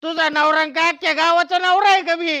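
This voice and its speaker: A woman's voice: very high-pitched, fairly even intonation, fast, a bit bright, no echo. A woman playing a stubborn drunk village husband. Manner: slurred drunken insistence, groaning. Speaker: comic actor.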